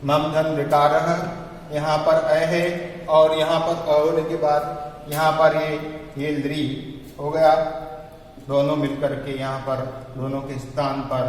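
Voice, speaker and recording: A man teaching a grammar lesson, slowly repeating each example word and breaking it into parts. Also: on the high side. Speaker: Sanskrit teacher. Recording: echoey room, mic far off, faint hum.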